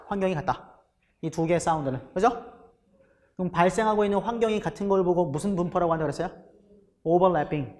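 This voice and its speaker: A man teaching a lecture class in a high, bright voice. He keeps asking questions and answering them himself. A long reverb fills the room around him. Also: a little hiss or hum. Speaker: English teacher for exam prep. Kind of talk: recorded lecture.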